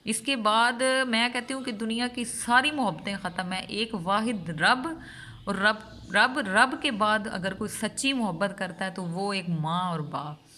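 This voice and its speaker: In a heartfelt vlog, a mother addresses her viewers earnestly, repeating phrases again and again to stress what she means. Her mid-range voice sounds pushed and bright, with slight background noise.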